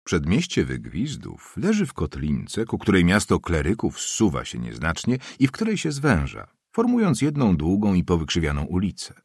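Male audiobook narrator, very low and husky, lively intonation, dry booth sound. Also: moderate pace, hardly any pauses, no echo. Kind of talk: scripted narration of a classic novel.

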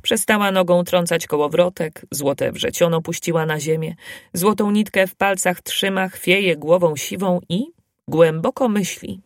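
Slow, unhurried woman storyteller. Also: lowish voice, no room sound, clean studio sound. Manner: slow, even storytelling delivery. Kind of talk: fairy tale reading.

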